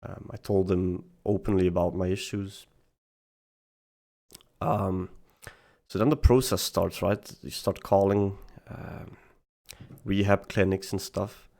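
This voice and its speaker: Low gravelly young man, halting confession. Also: steady tone, mellow. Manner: halting, repeats words, tearful at times. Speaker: vlogger. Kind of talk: unscripted personal confession.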